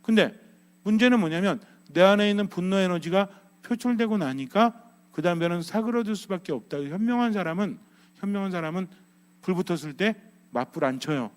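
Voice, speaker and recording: High-voiced priest preaching in a reverberant hall. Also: male voice, expressive, a little fast. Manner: asks the congregation questions and acts out everyday quarrels. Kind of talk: lively sermon.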